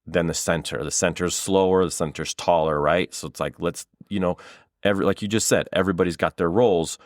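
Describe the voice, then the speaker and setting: A man in his thirties, a podcast guest, with a low voice. He rambles through long casual answers and swears now and then. His voice is recorded dry, with no room sound. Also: fairly even intonation, a little fast, no room sound. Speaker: improviser and guest.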